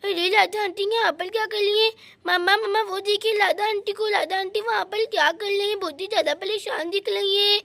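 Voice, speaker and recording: A woman voicing a chatty, excitable little girl in a doll story. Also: extremely high pitch, moderate pace, vocal fry, dry recording, full character voice. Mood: eager. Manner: eager, chattering.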